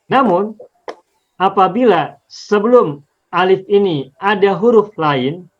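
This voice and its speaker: A man's voice: sits high, slow pace, highs cut off. A man teaching an Arabic linguistics lesson on the Quran, explaining patiently step by step and repeating examples.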